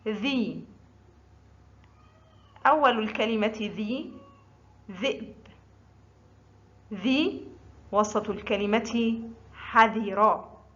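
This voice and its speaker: A woman teaching Arabic letter sounds, drawing out each syllable slowly and deliberately for learners. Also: on the high side, a bit bright. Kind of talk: slow scripted letter-pronunciation lesson. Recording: dull lo-fi audio.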